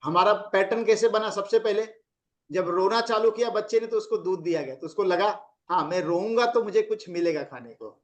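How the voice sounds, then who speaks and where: A man's voice: high voice, a little fast. A middle-aged man, a relationship coach, giving casual advice and acting out examples of how people phrase things in anger. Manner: explains with acted examples of angry phrasing.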